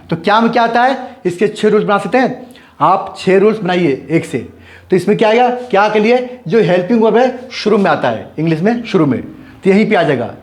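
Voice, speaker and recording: High-voiced man teaching English grammar. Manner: repeats questions to the class, checks with "clear?"; switches between Hindi and English example sentences. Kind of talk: Hindi-language grammar lesson.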